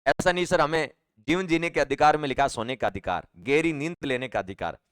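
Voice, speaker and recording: A man teaches a live online exam-prep class, talking straight to his students. His voice sits on the higher side and the room sounds dry and close. He repeats key points and keeps asking the class questions. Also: a little fast, a bit bright, clean tone, dry recording. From Rajasthan, India. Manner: chatty, repetitive, asks students questions and reads out names.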